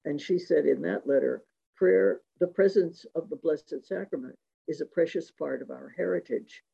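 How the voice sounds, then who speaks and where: A man giving a reflective talk on religious devotion, measured and reading quotations aloud, in a dull lo-fi recording. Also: fairly high pitch, gravelly, dark tone, breathy edge. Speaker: speaker giving a talk on Eucharistic spirituality.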